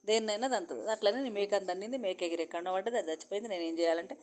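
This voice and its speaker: A woman's voice: mid-range voice, racing, darkish tone, close to an everyday voice. Woman doing an exasperated horse owner.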